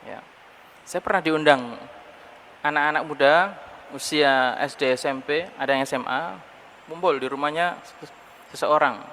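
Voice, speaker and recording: A man giving a mosque study lecture on hadith, telling stories in an animated way and acting out the people he quotes. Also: fairly high pitch, measured pace, pauses often. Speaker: preacher teaching hadith. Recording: long hall reverb with faint noise.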